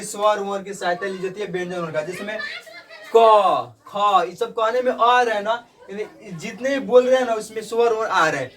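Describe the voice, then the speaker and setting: A male teacher giving a grammar lesson, who asks questions and answers them himself, repeats each point and calls his students "brother". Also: high voice. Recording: voice somewhat far from the mic.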